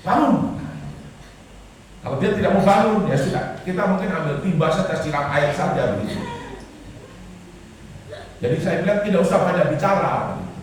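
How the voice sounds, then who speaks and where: A middle-aged man preaches a sermon in a slightly raised voice. He punches some words loudly and lets others fall quiet. The recording is made from far away in a very echoey church hall, with a faint hiss underneath. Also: on the high side, brisk. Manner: emphatic, preaching with sudden loud and soft swings. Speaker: pastor.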